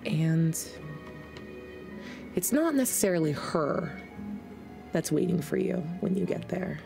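A woman's voice: low-pitched, lively intonation, takes it slowly, creaky, music in the background. A middle-aged woman narrating a tabletop role-playing game as the game master in an indoor studio. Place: indoor studio set dressed as a tavern.

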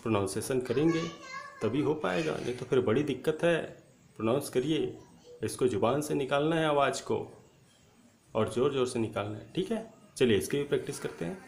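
A male spoken English teacher, drilling letter sounds aloud and urging viewers to repeat them loudly. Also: mid-range voice, animated, fairly quick, creaky. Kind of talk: online English pronunciation lesson. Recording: echoey room with faint ambient noise.

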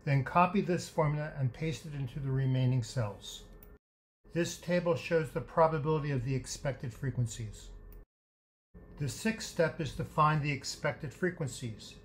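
A man giving scripted instructional narration as a lecturer, deliberately dictating piece by piece. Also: a little high. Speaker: statistics lecturer. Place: voice-over for slide lecture.

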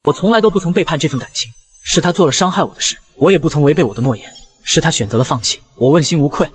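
A man narrating a novel in the first person with steady, brisk reading. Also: on the high side.

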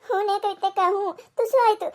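In a cartoon comedy, a performer voices a sulky, defiant young daughter-in-law from a village, speaking with a North Karnataka Kannada accent. The voice is very high yet darkish in tone, steady and quick, with a whiny mood.

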